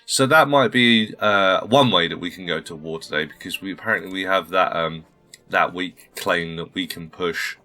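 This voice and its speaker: A gaming channel host plays through a strategy game in casual let's-play commentary, thinking aloud politely and chattily while slightly under the weather. His low voice moves at normal speed with a pushed, bright quality.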